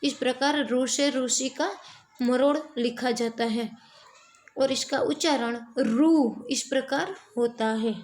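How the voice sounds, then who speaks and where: A woman teacher gives a classroom lesson and draws out each sound she demonstrates. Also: high voice. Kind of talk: slow classroom explanation of vowel sounds.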